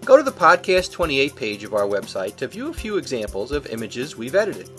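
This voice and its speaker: A man's voice: medium pitch, wildly swooping pitch, brisk, bright, forceful tone, soft background music. A man co-hosting a podcast, reading a prepared script in an explanatory way. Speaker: podcast co-host.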